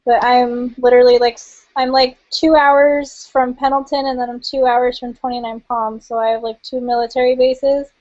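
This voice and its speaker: A woman's voice: a little high, flat delivery, normal speed, hardly any pauses, darkish tone, no echo. A woman chatting casually on a group video call, speaking with lots of filler words. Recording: dry lo-fi video call audio.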